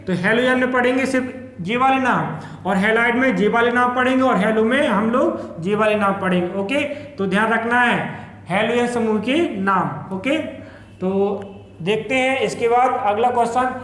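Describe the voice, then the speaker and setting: ऊँची आवाज़ वाला शिक्षक. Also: male voice, extremely high pitch, normal speed, fairly bright tone, echoey room. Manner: repeats each term and keeps asking "क्या पढ़ेंगे?". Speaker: chemistry teacher. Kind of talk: classroom lecture with call-and-response questions.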